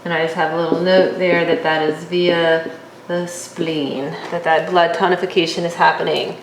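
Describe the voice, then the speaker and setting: Woman teaching off her notes, slow and kinda low, echoey room w/ faint hum. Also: level tone. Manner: reads from notes, unhurried, occasional fillers. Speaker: instructor. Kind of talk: lecture on herbal oils.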